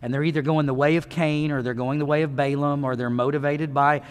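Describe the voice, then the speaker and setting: A man's voice: on the high side, steady tone, fairly quick, clean tone. Preacher guy, middle-aged, fired up, calling folks to the altar, big echoey church. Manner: impassioned preaching, calls to the altar. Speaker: pastor. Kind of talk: sermon. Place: church sanctuary. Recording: long reverb of a church hall.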